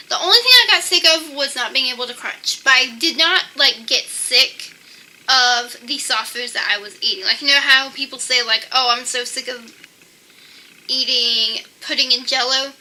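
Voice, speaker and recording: A woman's voice: sits high, bright, forceful tone, low-quality recording. A young adult woman giving tips in a casual, chatty monologue, peppering her sentences with "like". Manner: chatty, with frequent "like". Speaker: vlogger sharing personal tips.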